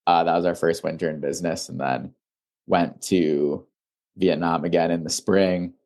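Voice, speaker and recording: A young man from Illinois, a founder being interviewed, talking in a relaxed, rambling way full of "like" fillers. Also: low voice, moderate pace. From Illinois, USA. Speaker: founder and guest. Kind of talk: casual interview.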